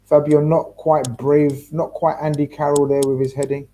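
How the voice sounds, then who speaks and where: A man's voice: on the high side, flat delivery, normal speed, a little hiss or hum. A man hosting a football watchalong, commentating live and chatting casually, with sweary reactions to the play. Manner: reacts out loud to the match, sweary. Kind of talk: live match commentary mixed with casual chat.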